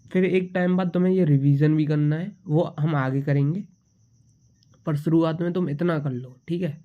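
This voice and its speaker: A man's voice: on the high side, fairly even intonation, moderate pace. A young man with a slight cold, patiently teaching shorthand in a casual tutorial and repeating each symbol as he writes it. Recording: dull lo-fi sound.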